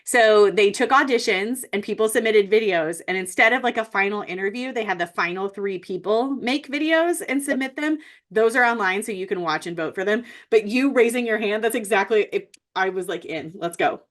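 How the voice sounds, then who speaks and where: A woman's voice: mid-range voice, fairly quick. A woman co-hosting a podcast in casual chat, rambling and laughing often. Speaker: podcast co-host.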